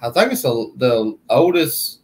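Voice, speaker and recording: A man's voice: mid-range voice, big pitch swings, measured pace. Folksy Southern man chatting. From Southwest Arkansas. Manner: folksy, joking. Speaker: livestream host. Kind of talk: casual chat.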